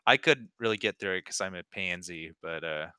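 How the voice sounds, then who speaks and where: A man's voice: deep voice, a little fast, pushed and bright, clean tone. A young man co-hosting a gaming podcast in casual chat, rambling and fumbling for names. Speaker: podcast co-host.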